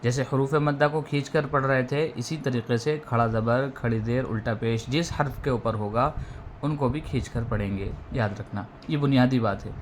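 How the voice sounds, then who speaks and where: A man teaching a step-by-step recitation lesson, drilling letter sounds slowly and repeating each rule for beginners. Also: mid-range voice, slight background noise. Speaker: Quran reading teacher.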